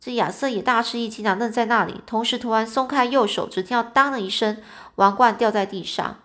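A woman reads a storybook aloud with a slightly high voice. Her telling is loose and chatty. She fills it with little particles and sometimes restarts her words. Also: brisk, a bit bright. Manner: chatty, with fillers and small slips. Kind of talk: reading a storybook aloud in a loose spoken retelling.

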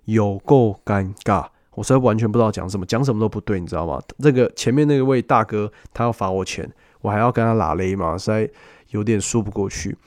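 A man hosting a travel storytelling podcast, chatty and animated, often speaking straight to the listener. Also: on the low side, brisk, dry recording, studio quality. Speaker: podcast host.

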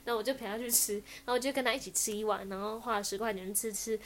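Quick-talking young Taiwanese woman. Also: on the high side. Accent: Taiwanese Mandarin. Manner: animated storyteller, laughs often. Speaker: podcast host. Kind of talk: casual chat.

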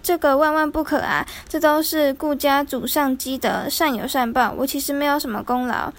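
An earnest young scholar-healer, as a woman reader puts him on, polite and a little timid. The voice stays high and gentle, close to the reader's own, in a storybook telling. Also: fairly even intonation, moderate pace. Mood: humble.

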